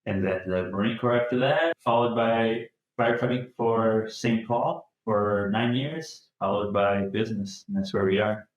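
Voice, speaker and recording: A man in his thirties who grew up in France, chatting as a podcast guest in a relaxed, rambling way. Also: lowish voice, a little slow, hardly any pauses, lo-fi sound. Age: 30s. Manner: relaxed, rambling with many restarts. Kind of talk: casual interview chat. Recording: very echoey room.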